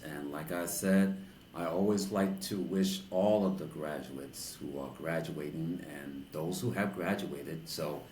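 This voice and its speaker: A man from New York hosting an interview podcast, speaking in a formal, deliberate way. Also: low-pitched, a little mellow, reverberant, slight background noise, low-quality recording. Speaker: podcast host and DJ.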